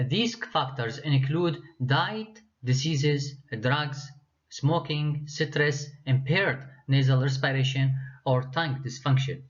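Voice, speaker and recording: A man lecturing university students, reading his slides with frequent hesitations and restarts. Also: mid-range voice. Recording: dull lo-fi lecture recording.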